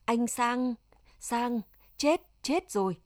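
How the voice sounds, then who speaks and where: A woman voicing a frantic, desperate young village wife with high, pleading cries. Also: moderate pace, no room sound, clean studio sound, close to an everyday voice. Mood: anguished.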